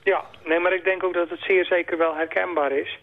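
A man's voice: high-pitched, flat delivery, fairly quick. A man, a bookseller talking hesitantly with many fillers and restarts in a radio interview over the phone. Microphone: telephone. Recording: tinny phone line.

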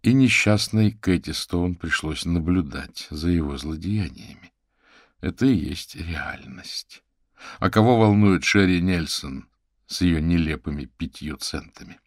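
A man narrates an audiobook in a measured, dramatic manner. His voice sits very low. The recording is dry and close, with no room around it. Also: animated, dry recording. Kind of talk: scripted narration.

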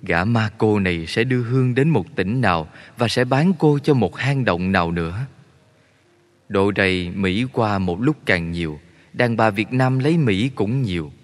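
Narrator: man, low and measured, reverberant sound. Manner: steady, measured storytelling. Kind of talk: audiobook story narration. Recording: long reverb.

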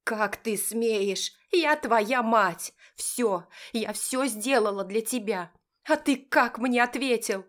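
A woman voicing a furious, scornful, domineering older mother who shrieks and spits venomous insults. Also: slow. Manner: shrill, venomous, shouting.

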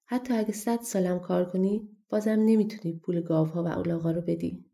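A woman voicing a harsh, short-tempered male farmer who scolds and shouts, in a storybook reading. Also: lowish voice, fairly even intonation, gravelly. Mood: cold.

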